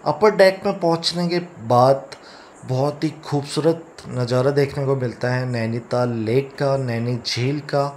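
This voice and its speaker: A man in his thirties hosts a travel vlog, his voice mid-range and darkish, his pace measured, and his Indian accent clear. He offers chatty tour-guide commentary that mixes English words into Hindi, filming on a phone held at arm's length. The scene shifts from a car to outdoors by a lake to inside a wooden club, and car and street noise come through the noisy recording.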